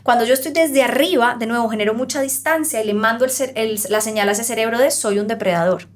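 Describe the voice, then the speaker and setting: A woman who is a parenting expert, explaining on a podcast in an animated way and acting out the voices of parents and children. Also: a little high, fast.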